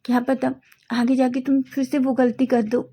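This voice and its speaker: A high-pitched, eager young college guy, as a woman puts him on for a read-aloud fan story, firing anxious questions one after another. The tone is mellow and soft. It is clearly a voice done by the reader herself. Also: level tone. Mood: surprised. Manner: rapid worried questions. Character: excitable young male college friend.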